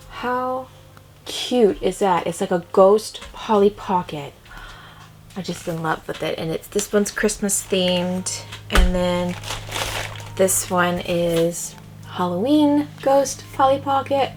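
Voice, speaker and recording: Chatty woman vlogging. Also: medium pitch. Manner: chatty, rambling, with fillers and self-corrections. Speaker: craft vlogger. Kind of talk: casual chat to camera. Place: bedroom set up for filming.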